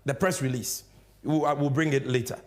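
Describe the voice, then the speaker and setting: A man with a Ghanaian accent giving impassioned political commentary, emphatic, swinging between loud and hushed. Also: medium pitch, steady tone, brisk. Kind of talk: impassioned political commentary mixing English and Twi.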